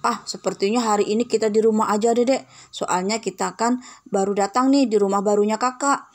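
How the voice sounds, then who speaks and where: A woman's voice: medium pitch, fairly even intonation, brisk, lightly acted. A woman playing a cheerful, exclaiming big sister. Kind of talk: game role-play voicing.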